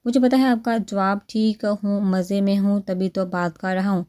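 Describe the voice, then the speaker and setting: A woman's voice: mid-range voice, steady tone, warm tone, close to an everyday voice. A woman reading the part of a heartbroken, tearful young woman, bittersweet and wistful, in a storybook reading.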